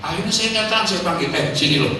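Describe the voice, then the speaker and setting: High-voiced Betawi preacher, echoing from afar. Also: male voice, fast talker. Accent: Betawi Jakarta. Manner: jokey, acts out quoted voices, shouts punchlines. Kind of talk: comic sermon storytelling. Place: outdoor market gathering. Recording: echoey distant PA sound, noisy crowd.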